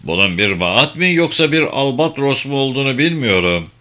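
A man voicing a clever young spy who speaks softly and wryly. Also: mid-range voice, sing-song, normal speed, voice pushed up.

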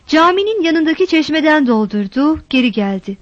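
High-voiced woman narrating a novel. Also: very animated, normal speed, no room sound, highs cut off. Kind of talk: scripted audiobook narration.

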